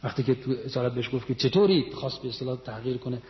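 A man giving a religious sermon, telling stories and rising to emphatic peaks. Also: mid-range voice. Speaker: religious lecturer. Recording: muffled sound in a reverberant hall.

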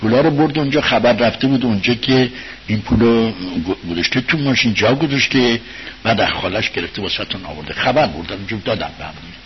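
Man, low voice, religious storyteller, loud-then-soft delivery, dull lo-fi recording, faint hiss. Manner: conversational, swings between loud bursts and quiet murmurs. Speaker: religious speaker addressing an audience. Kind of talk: informal storytelling talk.

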